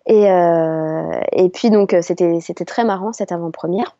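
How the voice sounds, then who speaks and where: Gravelly-voiced woman voice actress. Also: lowish voice, unhurried, mellow, no echo. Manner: chatty, hesitant with many fillers. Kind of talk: interview. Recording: slightly dull lo-fi sound.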